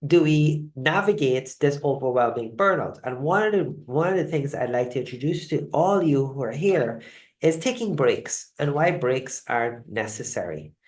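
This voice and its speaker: A woman leads a live online presentation over a video call mic. Her delivery is casual and conversational, with pauses and restarts and a frequent "right?" to her audience. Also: extremely low pitch. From Guyana. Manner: conversational, halting, often checks in with "right?". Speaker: host of a live online wellness session.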